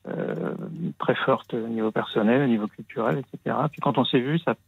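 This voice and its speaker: A husky, gravelly man speaking over a thin phone line. He confides his story to a radio host, stumbling through fillers and restarts. The sound is close and dry. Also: medium pitch, steady tone, dry recording. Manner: halting, many fillers and restarts. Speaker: caller. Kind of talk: hesitant personal confiding on a call-in show.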